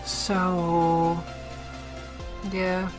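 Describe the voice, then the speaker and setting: A woman streamer chatting with a friend while playing, talking at an unhurried, drawn-out pace. She sounds sleepy and relaxed, with soft little laughs. Faint music plays behind her. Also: on the low side. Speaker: streamer host. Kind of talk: casual chat while gaming.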